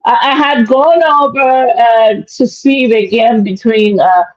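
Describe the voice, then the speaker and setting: Rambling woman podcast host, muffled sound. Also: fairly high pitch. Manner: halting, full of fillers, laughs easily. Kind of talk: casual podcast hosting.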